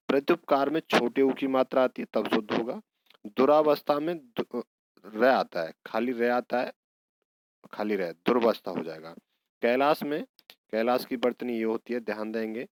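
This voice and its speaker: Hindi grammar tutor asking himself questions. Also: male voice, mid-range voice, dry recording, poor audio. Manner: explains step by step, keeps asking and answering his own questions. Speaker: teacher. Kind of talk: exam prep lesson.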